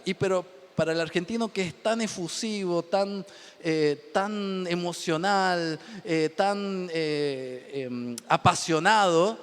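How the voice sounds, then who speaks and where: A pastor from Chile preaching a humorous sermon from the pulpit, joking, laughing often and repeating himself for emphasis. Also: male voice, sits high, clear, resonant tone. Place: church pulpit. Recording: reverberant church hall.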